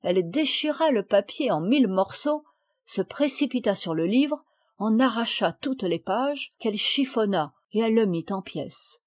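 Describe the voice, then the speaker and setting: A woman reading an audiobook of a classic children's story in a steady, clear storytelling manner. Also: a little high, normal speed, dry recording. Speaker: audiobook reader. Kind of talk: scripted narration.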